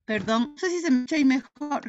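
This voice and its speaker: A woman's voice: high voice, animated, fairly quick, a little mellow, highs cut off. A woman speaking as a guest on a choppy, breaking-up video call connection, talking earnestly and emphatically and often restarting her words. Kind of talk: earnest conversational talk.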